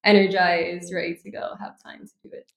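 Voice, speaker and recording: Guesting on a podcast for a casual interview, this twenty-something law student and bride-to-be from Miami, Florida, stays cheerful, articulate and upbeat in conversation. Yet her voice is fairly low, flat and quick with vocal fry, and the audio is poor, recorded in an echoey room.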